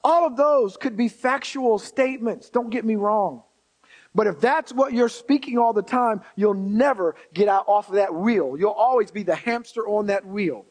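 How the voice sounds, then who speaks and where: Speaking at a moderate pace, a male preacher whose voice is notably high delivers a sermon to a congregation. He stresses his points forcefully and repeats important phrases, then turns to the audience with conversational asides and rhetorical questions.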